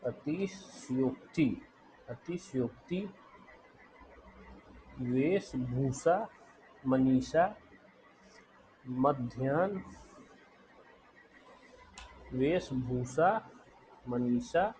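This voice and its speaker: A man teaching a spelling lesson, dictating words slowly and repeating each one deliberately. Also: medium pitch, lively intonation, darkish tone, slight background noise, low-quality recording.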